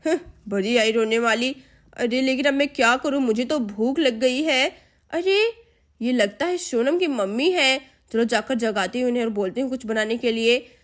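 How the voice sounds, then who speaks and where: A woman's voice: on the high side, normal speed, voice pushed down, close to an everyday voice. A woman voicing a rude, hungry young girl who snaps and complains. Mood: sulky. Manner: snappy and complaining.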